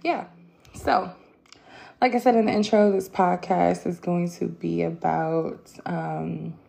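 A woman hosting her own podcast, talking casually and reflectively with many fillers and pauses, candid and personal. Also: on the low side, steady tone, gravelly, dark tone. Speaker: podcast host. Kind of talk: casual solo podcast talk.

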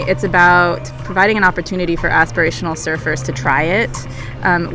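Creaky low-voiced woman over music. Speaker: company representative being interviewed. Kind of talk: conversational interview answers.

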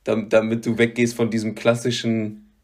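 A man's voice: on the low side, monotone, normal speed, a little mellow. A young man giving clues in a guessing game, hesitant and searching for words. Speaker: quiz-giving player. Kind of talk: casual chat.

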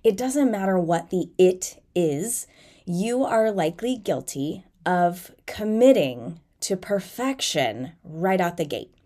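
Talking slowly with lively intonation, this woman in her thirties has a fairly low, warm voice, nasal and congested from a head cold. She's a fitness coach hosting her own podcast, and her chat is informal, honest and self-mocking.

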